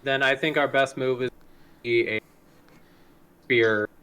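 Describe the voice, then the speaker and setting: Player on a glitchy online call, voice dropping out every few words. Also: male voice, mid-range voice, steady tone, sharp tone, clean tone. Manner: halting, broken-off words. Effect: choppy online call audio, voice dropping out. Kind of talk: tabletop game chat. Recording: breaking-up voice call line.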